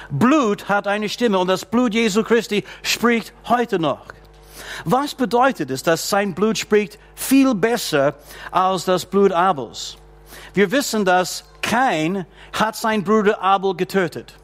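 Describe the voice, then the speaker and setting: A pastor with a notably high voice for a man preaches a church sermon. He drags out his lines slowly, repeats each key phrase for weight and punctuates it with hallelujahs and amens. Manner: slow, deliberate preaching with drawn-out lines.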